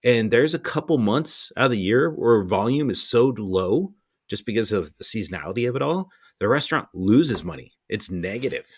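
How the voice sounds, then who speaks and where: Low-pitched man, bluntly ranting. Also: expressive, normal speed, husky. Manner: blunt, exasperated ranting with profanity. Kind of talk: casual opinionated chat.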